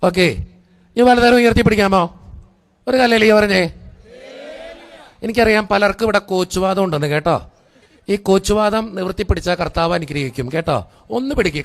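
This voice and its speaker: High gravelly-voiced priest preaching. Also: male voice. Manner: teasing, joking with the crowd, repeating commands. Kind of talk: lively sermon with congregation call-and-response.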